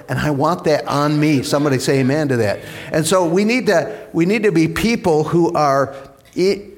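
A male pastor preaching a lively sermon in church and calling on the congregation for amens. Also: on the high side.

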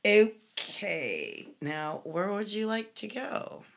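A woman's voice: medium pitch, huge pitch swings, slow, vocal fry. A woman co-hosting a podcast, chatting casually with a lot of ums and restarts. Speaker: podcast co-host. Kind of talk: casual chat.

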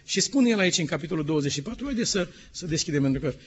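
A male pastor preaching a sermon emphatically, sometimes dropping to a hushed tone. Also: fairly high pitch, lively intonation, slight background noise. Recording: dull lo-fi sermon recording.

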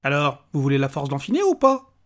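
A man's voice: a little high, huge pitch swings, fairly quick. A man reading aloud and voicing a tiny, bald, bearded male imp who talks in an irritable, sarcastic rant. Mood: exasperated. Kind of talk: audiobook character voice.

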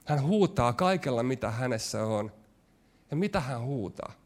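A man preaching a sermon, his delivery shifting between quick, pressing stretches and slow, hushed lines. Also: medium pitch, expressive. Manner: varied delivery, rushing ahead then dropping to slow, hushed lines.

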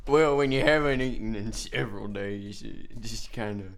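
A man playing a theatrical, grief-stricken hungry man with a gravelly voice, in an improvised comedy sketch. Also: on the low side, normal speed. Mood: teasing. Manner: swooping, theatrical, whiny.

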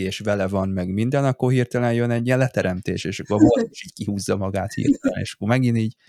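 Man, casual chat, low voice, rambling, restarts, dry recording. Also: darkish tone, no echo.

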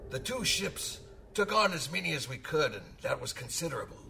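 An actor playing a gruff, hearty old sailor who savors short phrases as he spins dramatic tales of the sea. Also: fairly high pitch, big pitch swings, a little fast, distant mic, heavy background noise. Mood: grave storytelling. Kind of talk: dramatic audio storytelling.

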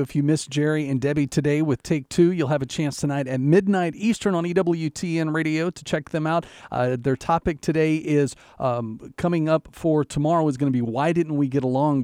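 A man's voice: mid-range voice, a little mellow, no echo, clean studio sound. A man on a radio show team reading station announcements in an easygoing way.

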